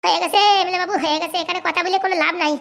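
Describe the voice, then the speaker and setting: A woman's voice: extremely high pitch, steady tone, rapid-fire, creaky, fairly bright tone, full character voice. A woman voicing an aggrieved male servant in a comedy cartoon, complaining indignantly.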